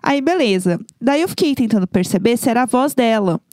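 A woman, co-hosting a casual chat podcast and telling a story in an animated, dramatic way. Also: a little high, brisk, no room sound, studio quality. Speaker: podcast co-host.

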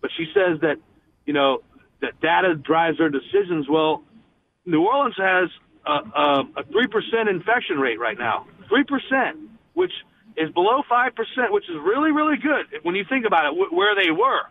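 A sports director calling in to a radio show, talking with passion and frustration and restarting often, heard over a phone line. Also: male voice, sits high, big pitch swings, moderate pace, a little hiss or hum. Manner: impassioned, frustrated, many restarts.

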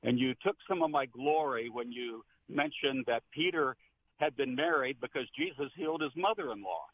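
A man's voice: medium pitch, sing-song, moderate pace, gravelly. An older man, a retired pastor, calling in to a radio show on a speakerphone and telling stories in an earnest, meandering way. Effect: speakerphone on a phone line. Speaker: caller, retired Protestant pastor. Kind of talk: call-in radio chat. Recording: tinny speakerphone call with faint background noise.

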